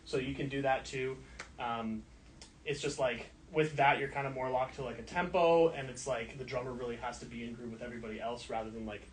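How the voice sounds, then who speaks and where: A man's voice: mid-range voice, fairly even intonation, fairly quick, a little hiss or hum. Rambling man touring a studio. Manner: rambling, heavy on filler "like". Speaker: studio engineer giving a tour. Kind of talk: casual walkthrough explanation. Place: recording studio, indoors. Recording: roomy sound, mic at a distance.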